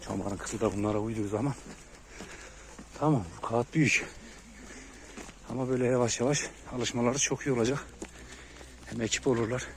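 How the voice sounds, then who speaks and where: A man's voice: medium pitch, fairly even intonation, fairly quick, long pauses. A man filming his young dogs outdoors, talking to his viewers and calling and scolding the puppies. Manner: talks to viewers, then calls and scolds dogs loudly. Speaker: kangal dog owner filming his puppies. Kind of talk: casual outdoor vlog narration. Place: outdoors in a rural yard. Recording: faint outdoor noise.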